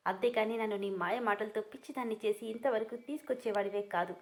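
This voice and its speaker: A woman voicing a distraught young woman, shrill and tearful. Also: normal speed, natural voice. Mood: angry tearful. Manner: tearful, high-pitched shouting.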